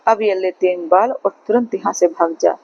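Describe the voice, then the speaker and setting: A woman voicing a gentle but sly old foster mother in a storybook tale, speaking in a coaxing, soothing way, on a slightly muffled recording. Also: mid-range voice, normal speed, dry recording, natural voice.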